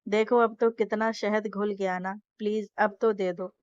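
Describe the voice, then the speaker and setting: A woman's voice: mid-range voice, steady tone, a little slow, a little mellow, smooth, no echo, lightly acted. A woman voicing a feisty young bride who snaps when annoyed and coaxes sweetly when she needs something, in a storybook reading. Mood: pleading. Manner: irritated, then sweetly pleading. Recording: dull lo-fi dry recording.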